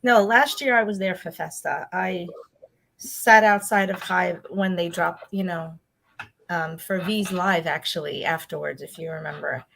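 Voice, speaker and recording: A woman's voice: fairly low pitch, unhurried, vocal fry, fairly bright tone, poor audio. A woman hosting a casual fan chat over a video call, talking in a chatty, rambling way. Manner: chatty, rambling, laughs often. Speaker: host.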